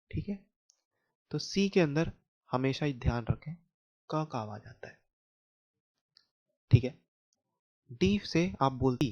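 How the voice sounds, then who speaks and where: A man with an Indian accent teaching children letter sounds in a slow phonics lesson, explaining patiently and checking whether they understood. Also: mid-range voice. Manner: explains patiently, asks questions back to kids. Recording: dull lo-fi home recording.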